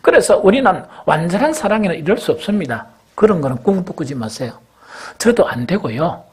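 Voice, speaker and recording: A middle-aged man, preaching a sermon as senior pastor. He asks the congregation questions and answers them himself, pushing some phrases up loudly and letting others drop low. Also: sing-song, fairly quick. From South Korea. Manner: swings between raised, emphatic phrases and low, dropped endings.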